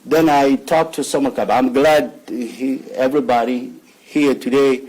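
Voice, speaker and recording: A man from Somalia, speaking as a father at a press conference in halting English, often repeating words and restarting his sentences. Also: mid-range voice, fairly even intonation, darkish tone, low-quality recording. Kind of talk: emotional press conference statement.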